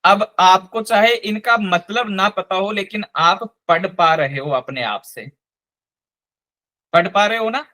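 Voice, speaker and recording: A man teaching a live online language class, slowly and patiently spelling out each sound. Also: high-pitched, pushed and bright.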